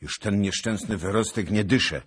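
A man's voice: medium pitch, wildly swooping pitch, slow, slightly rough, voice pushed up, heavily acted. A man voicing a boisterous, garrulous old nobleman who swears colorful oaths, in an audiobook. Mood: alarmed shouting. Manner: loud, exclaiming, mock-pompous oaths. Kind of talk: audiobook character voice.

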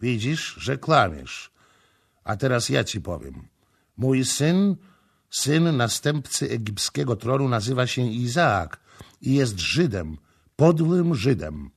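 A man's voice: mid-range voice, big pitch swings, creaky, heavily acted. A man voicing a cold wrathful prince. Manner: slow, measured, menacing. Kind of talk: audiobook character voicing.

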